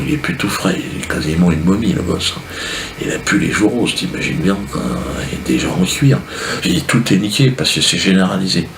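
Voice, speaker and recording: A man's voice: deep voice, fairly bright tone. A male comedian telling a long comic story to camera in a casual, slangy, rambling way. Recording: roomy echo, faint noise.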